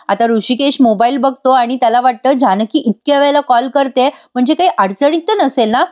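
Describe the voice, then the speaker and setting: A woman narrates a soap episode recap as a voice-over, chatting directly to her viewers. Her voice sits fairly high and easy. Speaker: TV serial reviewer.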